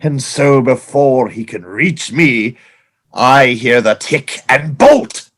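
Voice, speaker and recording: An actor playing a vengeful, scheming pirate captain in an audio play, with a grandiose, drawn-out, melodramatic delivery. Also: male voice, mid-range voice, animated, a bit bright, exaggerated voice. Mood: haunted dread.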